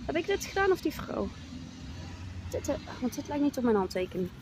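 A woman's voice: high voice, sing-song, fairly quick, noisy background. A woman in her thirties vlogging emotionally to viewers, exclaiming often and slipping English phrases into her talk. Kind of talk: emotional personal vlog.

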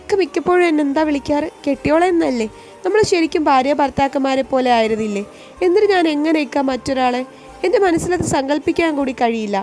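A woman's voice: high-pitched, animated, a little fast, warm tone, soft background music. A woman voicing a heartbroken young woman who pleads emotionally with her beloved. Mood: anguished. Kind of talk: storytelling voice acting.

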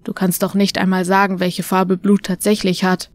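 A woman's voice: mid-range voice, completely flat delivery, moderate pace, lightly acted. A woman voicing a cocky young prankster in a horror audiobook, with wry, casual banter. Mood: teasing.

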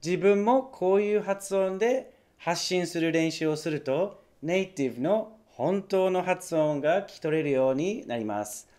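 A man teaching English pronunciation in a clear, patient way, slowly repeating phrases for practice. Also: high-pitched, lively intonation, darkish tone. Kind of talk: language lesson.

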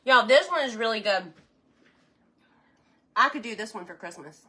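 A woman's voice: on the high side, lively intonation, normal speed, bright, forceful tone. A woman, chatting casually on a live cooking stream while eating, enthusiastic and sometimes talking with her mouth full.

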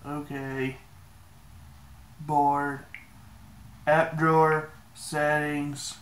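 A man casually talking viewers through a phone software walkthrough, laid-back and joking with mild swearing. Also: high-pitched, echoey room. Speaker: tech tutorial maker. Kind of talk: casual screen-recorded walkthrough.

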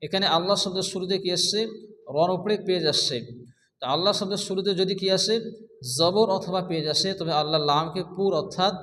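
A man teaching Quran recitation step by step, explaining each rule and then slowly chanting every word several times. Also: sits high, fairly even intonation, fairly bright tone, a little hiss or hum. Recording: long hall reverb.

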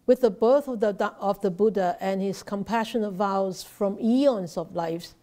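A middle-aged Buddhist nun from Hong Kong with a Hong Kong accent, giving a slow, halting Dharma talk with many restarts, recorded on a laptop webcam in a temple shrine room. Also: female voice, mid-range voice, a little mellow.

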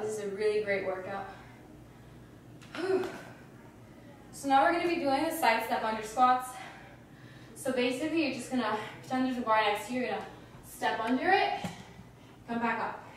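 A young woman gives workout instructions while exercising, slightly out of breath, in short cues with breathy pauses. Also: on the high side, lively intonation. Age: young adult. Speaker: fitness instructor. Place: indoors, small carpeted living room. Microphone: camera a few meters away. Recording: echoey room, distant mic, faint noise.

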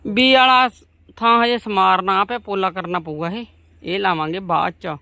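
A woman's voice: mid-range voice, steady tone, normal speed, vocal fry, sharp tone, no echo. A woman, chatting homely to viewers as she walks outdoors through her farm's vegetable plots. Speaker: vlogger. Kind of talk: casual farm vlog talking to viewers.

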